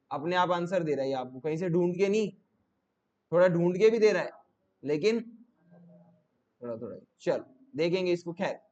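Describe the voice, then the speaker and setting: High-voiced male commerce teacher quizzing students. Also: a little mellow, lo-fi sound. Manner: repeats questions to students, coaxing. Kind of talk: classroom lecture.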